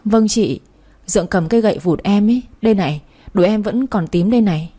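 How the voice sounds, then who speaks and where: A woman's voice: medium pitch, fairly quick, mellow, breathy edge, close to an everyday voice. A woman voicing a scared nine-year-old girl. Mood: frightened.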